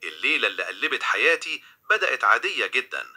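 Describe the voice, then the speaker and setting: Bright, husky Egyptian storyteller. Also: male voice, medium pitch, big pitch swings, fast talker. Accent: Egyptian Arabic. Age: young adult. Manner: dramatic, tense. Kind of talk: scripted first-person crime narration.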